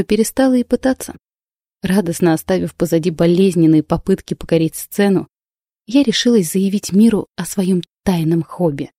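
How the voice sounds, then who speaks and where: A woman reading a first-person audiobook in a calm, measured storytelling voice. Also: medium pitch, breathy edge, no room sound, studio quality. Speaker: audiobook narrator.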